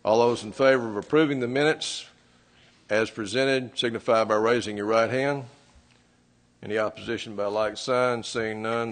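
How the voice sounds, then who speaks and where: A man presiding over a city council meeting, formal and procedural as he calls votes and invites comments. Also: on the low side. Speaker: council chair.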